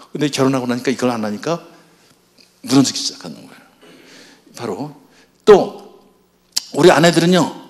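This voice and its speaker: A man with a fairly high voice speaks to a church audience at a marriage seminar. He keeps quizzing the listeners and slips into playing husbands and wives as he goes. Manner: asks the audience questions and acts out spouses' lines. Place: church hall before an audience.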